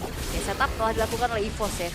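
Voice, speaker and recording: High-pitched Indonesian woman casting esports. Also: fairly even intonation, very fast. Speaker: esports commentator. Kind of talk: live game commentary. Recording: music behind the voice. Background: music.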